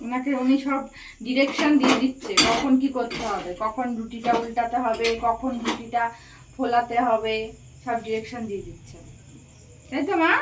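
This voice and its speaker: A woman's voice: fairly high pitch, steady tone, moderate pace, background noise. A woman vlogging at home, talking to her baby in a playful, coaxing way full of questions. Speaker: vlogger and mother.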